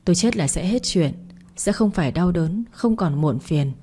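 A woman reading the lines of a heartbroken pregnant young wife in a storybook, speaking in a quiet, bitter and resigned way. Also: fairly low pitch, animated, moderate pace, husky.

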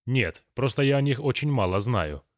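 A man's voice: mid-range voice, lively intonation, moderate pace, no echo, clean studio sound, lightly acted. A man voicing a bossy, know-it-all grown man who lectures his friends and scolds a child. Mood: musing. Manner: thoughtful, lecturing, then scolding.

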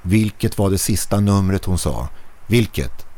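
A man's voice: deep voice, animated, warm tone. A man voicing a panicked army captain who barks clipped, urgent commands.

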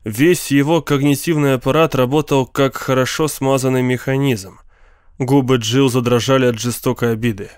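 A man's voice: mid-range voice, fairly even intonation, moderate pace, smooth, dry recording. Male audiobook narrator, dry sound. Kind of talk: scripted narration.

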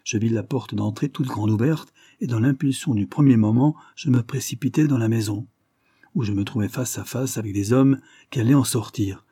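A man voicing a proud young gentleman who is accused of a crime and answers in a calm, measured way, in an audiobook reading. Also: medium pitch, breathy edge, no echo, clean studio sound, close to an everyday voice.

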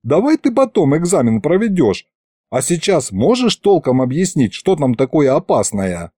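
Brief: male reader as a teasing young hero, lively delivery, dry audiobook sound. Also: fairly high pitch, normal speed, no room sound, pitched above the performer's own voice. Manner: wry, teasing. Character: wry young man, the first-person hero.

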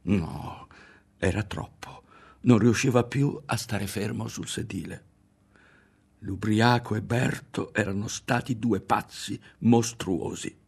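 A man reading a literary novel aloud in a measured, quietly dramatic way, close to the mic. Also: on the low side, gravelly, breathy edge. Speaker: audiobook reader.

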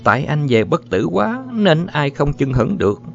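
A man doing a young woman with a raised, lively voice, coaxing and scolding a man she is fond of. She sounds like a storybook figure. The recording is slightly muffled, with faint music underneath. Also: a little high, normal speed, creaky, voice pushed up. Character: young woman, teasing and affectionate.

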